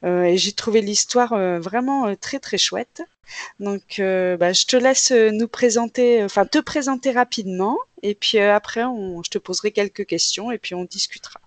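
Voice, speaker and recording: A woman's voice: mid-range voice, moderate pace, no room sound. Female host, casual and hesitant, filler-heavy, dry close recording. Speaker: interviewer host. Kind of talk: casual interview chat.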